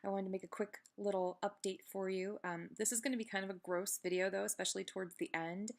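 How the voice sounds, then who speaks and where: A woman's voice: mid-range voice, fairly even intonation, fast talker. A woman giving a casual, chatty video update while recovering the day after surgery, candid and self-deprecating, wandering into digressions. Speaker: video blogger giving a personal health update.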